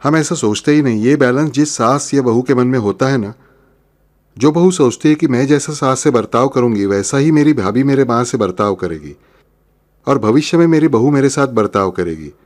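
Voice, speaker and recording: A male spiritual teacher delivering a sermon at a steady, ordinary mid pitch. He explains patiently, weaving in folk tales and posing questions that he answers himself. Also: normal speed. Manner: explanatory, storytelling, asks and answers his own questions. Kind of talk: Hindi religious discourse.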